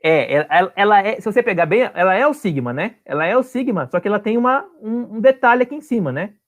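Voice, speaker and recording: A man's voice: high-pitched, expressive, quick pace. A man teaching an online class, explaining step by step and often checking that his students follow.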